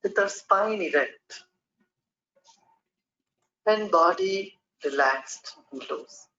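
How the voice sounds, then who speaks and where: A speaker guiding a meditation with calm, measured breathing instructions. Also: medium pitch. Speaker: meditation guide. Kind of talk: guided meditation script. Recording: dull lo-fi recording.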